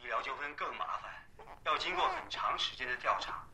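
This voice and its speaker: An actor playing a cautious male lawyer in a TV drama, explaining a weak case in a measured way. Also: medium pitch, animated, sharp tone, a little hiss or hum. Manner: measured, reasoning, soothing. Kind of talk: TV drama acting.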